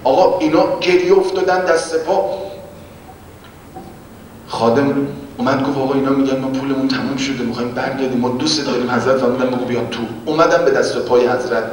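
A man preaching and retelling a religious story, swinging from loud exclamations to hushed whispers. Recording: echoey hall, distant mic, faint rumble.

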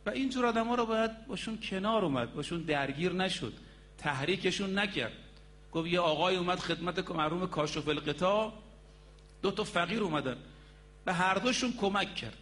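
A male preacher with a high-pitched voice delivers a sermon. He tells stories with strong emphasis and stretches out key words for effect. He speaks directly to the people listening. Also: fairly bright tone. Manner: storytelling, addresses the audience directly.

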